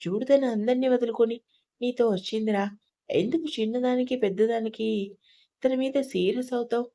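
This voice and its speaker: A woman reading an audio story, voicing a kindly middle-aged mother-in-law who talks softly and affectionately and gently scolds. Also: fairly high pitch, fairly quick, lightly acted. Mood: gently scolding.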